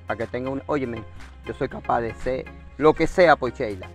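A man's voice: mid-range voice, normal speed. A man acting in a comedy sketch, chatty and flirty, with faint music underneath.

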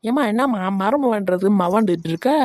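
A woman's voice: medium pitch, animated, moderate pace, darkish tone, no room sound, close to an everyday voice. A woman playing a blunt, teasing married son in a cartoon, with a Tirunelveli Tamil accent. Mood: warning. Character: blunt grown son, married, cheeky toward his mother.

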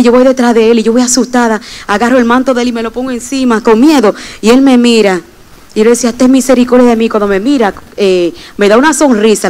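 A woman's voice: medium pitch, a little mellow, rough recording. A young adult woman preaching a sermon and giving personal testimony, speaking emphatically and addressing the congregation directly.

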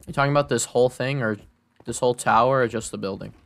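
A Minecraft server player and channel host talks quickly in a gravelly, fairly bright, medium-pitched voice. Playing alongside a friend, he jokes around playfully and mutters reactions in casual gaming chat.

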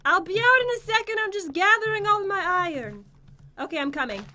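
A woman's voice: very high voice, animated, fairly quick, bright, forceful tone. A young woman co-hosting a gameplay video, teasing her partner and reacting with giggles. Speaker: gaming channel co-host. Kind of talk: casual gameplay banter.

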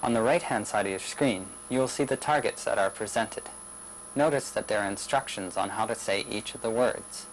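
A young man narrating a demonstration video in a measured, plain explanatory way. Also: on the low side, a little hiss or hum, poor audio. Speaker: researcher demonstrating a system. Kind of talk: scripted narration of a demo video.

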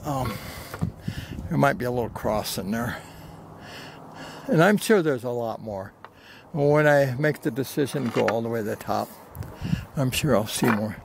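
Holding a camera at arm's length on a rocky desert mesa slope, a man of about seventy narrates his hike in a folksy, self-deprecating way. His medium-pitched voice has lively intonation and vocal fry, moving at normal speed with long pauses. Background noise is audible in this hiking vlog.

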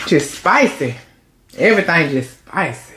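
A woman hosting an eating show, talking slowly and casually with her mouth full of water. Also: fairly low pitch, expressive, fairly bright tone, a little hiss or hum. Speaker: mukbang host. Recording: echoey room.

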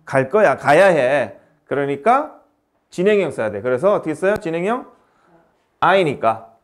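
Male English tutor, high-pitched, brisk, keeps quizzing the student. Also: sing-song. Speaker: English teacher. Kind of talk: grammar lesson.

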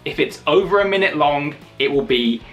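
A man in his thirties hosting a video, making an enthusiastic announcement to camera with energetic, hammy emphasis and drawn-out phrases. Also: a little high. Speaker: YouTube wrestling channel host. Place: small indoor room with posters. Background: music.

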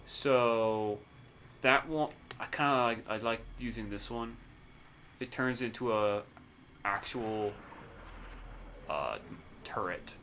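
A man with a bright, middle-pitched voice comments on the game he is playing. His delivery is casual, slangy and playful. Some background noise and game ambience sit behind him. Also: slow, long pauses. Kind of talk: casual gameplay banter.

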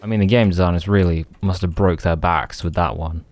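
Lowish-voiced guy doing sarcastic, jokey horror game commentary, super casual. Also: steady tone, brisk, a little mellow. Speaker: gaming commentator.

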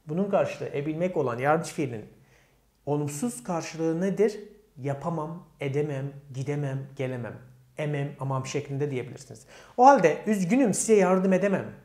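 A man with a fairly high, mellow voice explains English grammar step by step to Turkish speakers. He puts questions to his students and answers them himself, and his English examples carry a Turkish accent. The room he's in is echoey.

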